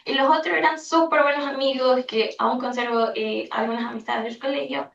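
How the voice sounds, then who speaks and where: A young woman from Venezuela, a focus group participant, telling personal stories in an animated way and replaying conversations. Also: sits high, moderate pace, gravelly. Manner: animated, retells conversations with lively back-and-forth. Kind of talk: personal storytelling in a group discussion. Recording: distant, roomy, dull group recording.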